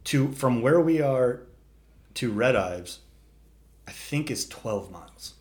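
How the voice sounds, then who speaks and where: A young man with a mid-range voice, a guest telling stories, recounts a wild adventure in casual conversation with lively energy. He swears freely, says "dude" constantly, and acts out quick impressions of the people involved.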